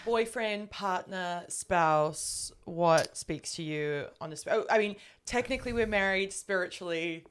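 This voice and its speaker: A woman from New Zealand with a softened, transatlantic accent, hosting a podcast with casual, dry, teasing banter. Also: lowish voice, a little slow, hardly any pauses, slight background noise. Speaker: podcast host.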